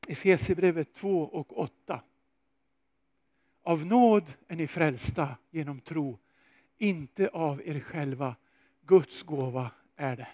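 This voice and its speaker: Animated male preacher, dry close sound. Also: fairly high pitch, no room sound, dull audio. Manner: animated storytelling, rhetorical questions. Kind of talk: sermon.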